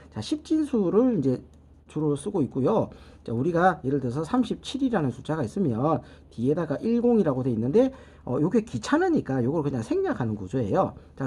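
A middle-aged man gives a step-by-step math lesson, with a mellow, slightly husky voice. His pitch rises and falls a great deal as he works each calculation aloud. He keeps prompting with short interjections between steps. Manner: patient, repeats "자" and "요렇게" while working steps aloud. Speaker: network technology instructor.

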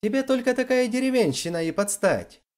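A storyteller voicing a fiery, manipulative young woman, switching between shrill pleading and hissing anger in an audiobook story. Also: sing-song, moderate pace, a little mellow. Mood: furious. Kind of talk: audiobook character reading.

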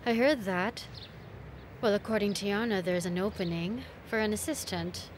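A woman playing a gentle young wife. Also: mid-range voice, normal speed, a little hiss or hum, lightly acted. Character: young wife, apologetic and anxious. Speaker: dub actor. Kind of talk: drama dub.

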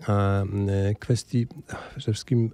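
An older man as a politician guest in a radio studio interview, speaking into a studio microphone in a measured, hesitant way with many filler sounds. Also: lowish voice, steady tone, mellow, no room sound. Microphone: studio microphone on boom arm.

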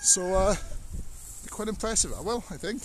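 This farmer vlogger talks in a high-pitched voice with lively intonation, taking his time as he strolls his farmyard and cow shed. He rambles in a plain-spoken way, showing off his work in a casual walk-through. The action camera on his body catches a noisy background.

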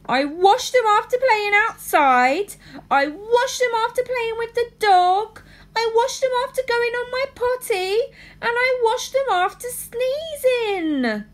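A woman voicing a stubborn little girl princess in a read-aloud storybook, high and protesting. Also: lively intonation, a little slow. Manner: high-pitched, protesting, wailing.

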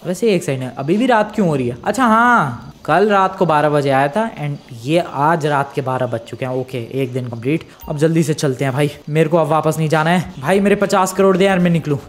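A man giving lively, chatty commentary on his own gameplay, talking straight to his viewers. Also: fairly high pitch, a little fast, hardly any pauses. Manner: excitable, chatty, talks to viewers as "bhai" and "guys". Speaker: gaming YouTuber.

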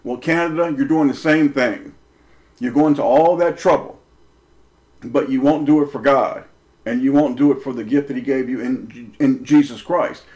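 Emphatic preaching man, mid pitch. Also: moderate pace, darkish tone. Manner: emphatic, rhetorical questions, punchy repetition. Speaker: religious commentator. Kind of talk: preaching monologue.

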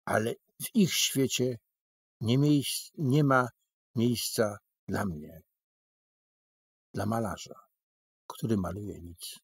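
A man's voice: on the low side, slow, pauses often, slightly rough, no room sound, heavily acted. A man voicing an eccentric, boastful, burly male painter who declaims grandly in a storybook reading. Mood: grandiose.

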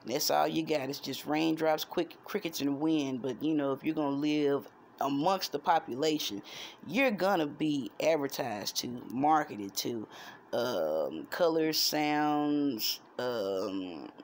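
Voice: mid-range voice, lively intonation, takes it slowly. An adult around forty chatting casually to a phone at arm's length in a room at home, in a musing, digressive, jokey way. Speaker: vlogger and amateur songwriter. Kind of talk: casual rambling chat to camera. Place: small room at home, indoors. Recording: noisy handheld phone recording.

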